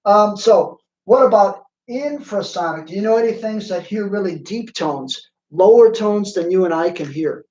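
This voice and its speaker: Male science teacher, chatty and quizzing, high voice, roomy dull online-class audio. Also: animated, moderate pace, a little mellow. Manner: playful, chatty, quizzes students by name. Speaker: physics teacher.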